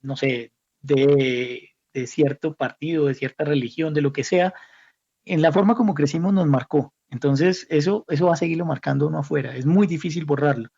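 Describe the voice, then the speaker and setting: This academic guest, a Colombian institute director being interviewed, has a gravelly, somewhat mellow voice on the high side and a moderate pace. He reflects as he goes, often repeating words while finding what comes next, on slightly dull, muffled audio.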